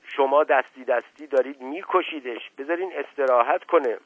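A man's voice: lowish voice, husky. A man voicing a stern, irritable family patriarch who speaks curtly, on a storybook radio reading. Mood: irritated. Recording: tinny phone-like old radio broadcast.

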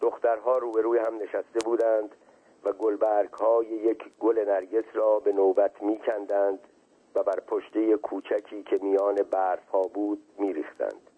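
A man with a husky voice reading a story aloud in a measured, even way, heard as a tinny radio reading. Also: on the low side. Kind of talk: scripted narration of a story. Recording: tinny phone-like radio sound.

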